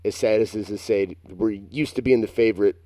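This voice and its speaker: A man's voice: on the low side, a little fast, dark tone, no echo. A young man co-hosting a casual chat, telling a long, rambling, self-mocking story. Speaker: podcast co-host.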